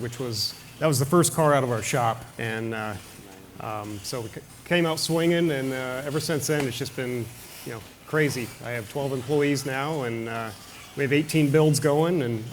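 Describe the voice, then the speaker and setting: A man in his thirties from Nebraska speaks as a panel guest, casual and full of small fillers. His voice sits at an ordinary pitch. A faint room hum lies underneath. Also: moderate pace. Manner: casual, many "uh" and "you know" fillers. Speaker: panel guest, shop owner. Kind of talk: panel discussion. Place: forum room with an audience.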